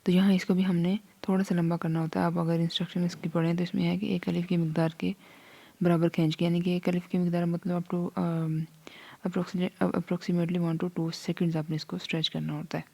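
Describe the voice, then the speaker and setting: Patient female tutor, mellow low voice, slow steady drills. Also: gravelly. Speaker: Quran reading teacher. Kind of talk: online lesson.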